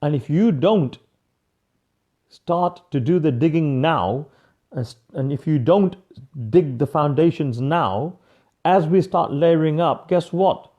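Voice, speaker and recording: Energetic emphatic man coaching viewers. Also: a little high, slow, highs cut off. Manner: energetic, emphatic, repeats key phrases, addresses viewers by name. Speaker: motivational coach. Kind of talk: live-streamed motivational talk.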